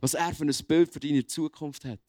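A young man preaching a youth sermon in a lively, colloquial way. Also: on the high side, moderate pace, dry recording, clean studio sound. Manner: lively, colloquial, animated acting out of quotes.

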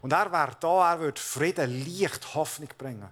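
A man's voice: a little high, normal speed, fairly bright tone. A man, a pastor preaching a sermon, speaking earnestly and addressing the listeners directly.

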